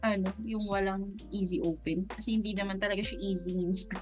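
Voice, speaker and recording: A woman's voice: mid-range voice, steady tone, fairly quick, over music. A woman co-hosting a casual podcast chat, adding wry comments between stories. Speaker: podcast co-host.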